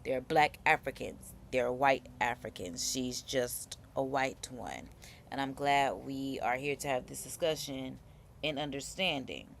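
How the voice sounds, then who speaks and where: Low gravelly woman hosting a live chat. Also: unhurried, a little hiss or hum. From United States. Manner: animated, reads viewer comments aloud. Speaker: live-stream host. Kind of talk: casual live chat reaction.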